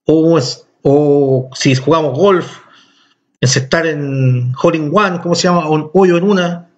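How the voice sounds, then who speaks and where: A man talks through a chess game in a voice pitched a little high. He explains with real enthusiasm and speaks straight to his viewers. The recording sounds dull and lo-fi. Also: slow pace. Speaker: chess instructor.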